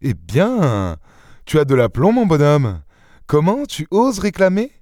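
A man reading an audiobook and voicing a suave gentleman thief with an airy, teasing, self-assured manner. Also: medium pitch, normal speed, no room sound, clean studio sound, pitched above the performer's own voice, close to an everyday voice. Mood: mocking, stern.

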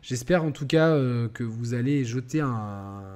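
A man of middle pitch hosting a live game stream. He talks casually to his viewers, rambling and restarting his sentences with plenty of fillers. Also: a little slow, darkish tone. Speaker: gaming channel host.

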